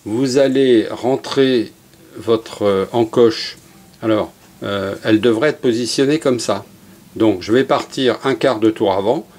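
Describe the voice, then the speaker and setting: This is a middle-aged man demonstrating archery at a workshop, speaking a little slowly at a medium pitch. He keeps it loose and conversational, with lots of fillers and side remarks.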